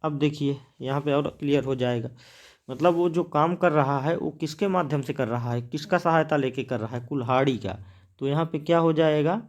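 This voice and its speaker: A man's voice: on the high side, normal speed. A man teaching a grammar lesson, writing examples on a board, repeating words as he writes and answering his own questions.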